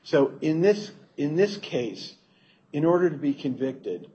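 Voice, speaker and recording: A man speaks as an appellate lawyer, giving a formal, explanatory legal argument in a somewhat halting way. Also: mid-range voice, warm tone, slightly rough. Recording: dull courtroom recording, faint noise.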